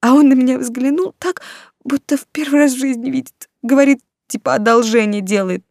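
A woman's voice: sits high, a little fast, gravelly, darkish tone, no room sound, clean studio sound, voice pushed up. A woman doing a tearful, naive young girl. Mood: plaintive. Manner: plaintive, whiny, breathless. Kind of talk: audiobook character voice.

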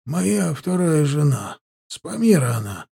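A man voicing a gruff, guarded old male mountain herder who speaks in low, hoarse, curt phrases. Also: very animated, a little slow, warm tone, heavily acted. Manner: curt, mutters.

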